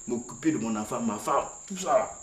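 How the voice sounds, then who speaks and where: Animated man in a comedy sketch. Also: medium pitch, fairly quick, echoey room. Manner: animated, rambling, laughing.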